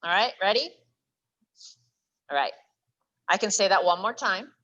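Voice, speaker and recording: Bright sounding woman doing club meeting announcements, chatty, reads digits slow. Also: mid-range voice, expressive, muffled recording. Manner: chatty, reads out numbers slowly. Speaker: meeting organizer.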